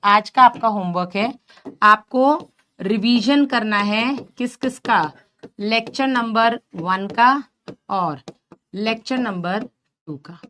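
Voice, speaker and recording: A woman's voice: on the high side, takes it slowly, fairly bright tone, slight background noise. A woman teaching biology in an online exam-prep lecture, explaining patiently and calling her students "beta", with English terms mixed in. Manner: mixes English terms into speech.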